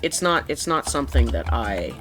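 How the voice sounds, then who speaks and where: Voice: mid-range voice, sing-song, normal speed. A young adult complaining in an exasperated, sarcastic way while giving casual, rambling commentary over gameplay. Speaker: gaming video creator. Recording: music behind the voice.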